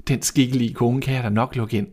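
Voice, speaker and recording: A man reading a fairy tale aloud and voicing a gentle young princess in a lifted, soft voice. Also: mid-range voice, fairly even intonation, close to an everyday voice. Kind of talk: storybook reading.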